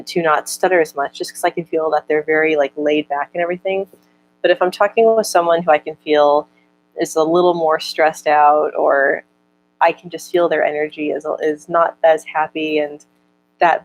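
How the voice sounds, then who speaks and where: A young woman whose voice sits low chats casually on a rough recording. She reads viewer comments aloud more slowly, then answers them with frequent stutters, repeating words and cutting syllables short.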